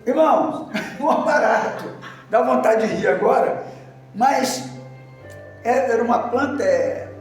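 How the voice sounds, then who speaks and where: A male deacon preaching a sermon in a church, telling a story with animated emphasis, shouted lines and laughter. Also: very high voice, a little slow, pauses often. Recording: echoey hall from far off with music.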